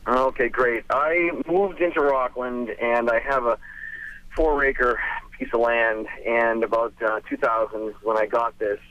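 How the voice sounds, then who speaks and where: A man's voice: medium pitch, unhurried, no echo. Man calling in on a truck speakerphone. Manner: plain, rambling, trailing off with um and et cetera. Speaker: caller. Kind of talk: call-in question. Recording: muffled, dry speakerphone line.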